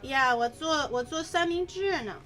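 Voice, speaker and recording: A Mandarin-speaking woman streams herself cooking, chatting and giggling playfully in a high, fairly bright voice at a moderate pace. Background music plays on her casual livestream.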